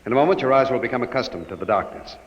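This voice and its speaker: An actor playing a calm, secretive man who reassures and commands a nervous companion, in 1950s radio drama style. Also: medium pitch, rapid-fire, husky. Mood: reassuring. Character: calm, secretive man leading a captive into hiding. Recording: dull, noisy old radio recording.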